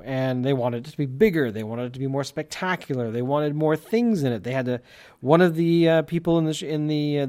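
A podcast host with a light lisp delivers a casual solo monologue, rambling along with many fillers and restarts. His voice runs on the high side and is a little mellow, with no echo in the recording.

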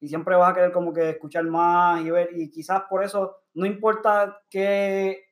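A man's voice: high voice, little pitch movement, normal speed. A man with a Puerto Rican accent in a casual podcast chat, explaining his views at length. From Puerto Rico. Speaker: podcast co-host.

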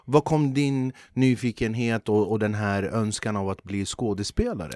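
Male host, low-ish, dry sound, easygoing questioner. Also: no room sound. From Sweden. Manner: relaxed, hesitant questions. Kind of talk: casual interview.

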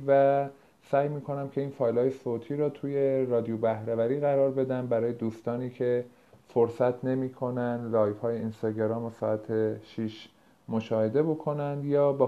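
Man talking over low-quality live stream audio. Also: narrow, tinny audio. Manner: calm, conversational, explains step by step with frequent hesitations. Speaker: productivity coach and podcast host. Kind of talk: explanatory talk from a recorded live stream.

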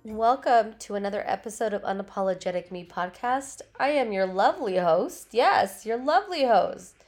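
A woman's voice: mid-range voice, expressive, moderate pace, darkish tone, faint music behind. A woman hosting her own podcast from home in a casual, rambling way, swearing freely and saying "like" a lot, her nose still stuffy and her voice just back after a cold. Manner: chatty, swears freely, leans heavily on "like". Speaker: podcast host. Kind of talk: casual solo podcast chat. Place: at home with her dogs nearby.

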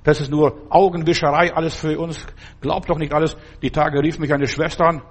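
A man's voice: on the high side, little pitch movement, fairly quick. An older man giving an earnest sermon, exhorting his listeners and addressing them directly. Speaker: preacher.

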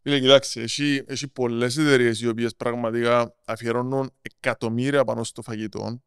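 A man with a Cypriot Greek accent explaining things in casual interview talk, halting and repeating words as he goes. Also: medium pitch, flat delivery, clear, resonant tone, no room sound, studio quality. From Cyprus. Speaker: podcast guest, marketing strategist.

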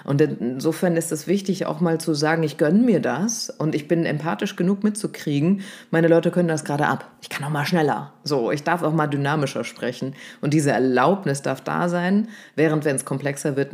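A voice coach explaining speaking technique in a casual conversation, lively and explanatory, often checking in with "ne?". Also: mid-range voice, a little fast, hardly any pauses. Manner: explanatory, lively, demonstrates stresses with exaggerated emphasis; uses fillers like "ne?" and "ja?".

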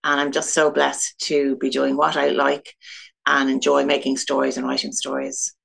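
A woman's voice: rumbling low, completely flat delivery, moderate pace, gravelly, a bit bright. A woman from Dublin with an Irish accent, a guest author chatting casually in an interview, rambling through stories and laughing often. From Ireland (Dublin).

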